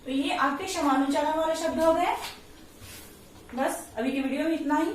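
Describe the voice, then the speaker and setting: A woman school teacher giving a recorded lesson for children, slowly repeating each word and answer. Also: high-pitched, a little hiss or hum. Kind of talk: slow recorded Hindi class lesson. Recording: very echoey room, voice from far off.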